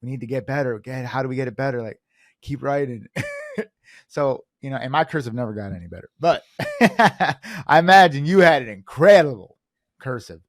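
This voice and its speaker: A male host in casual conversation, playful and quick to joke, leaning on "like" as he talks. His mid-pitched voice sounds close and dry. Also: expressive, no room sound. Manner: playful, joking, heavy use of "like". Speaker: podcast host. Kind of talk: casual interview chat.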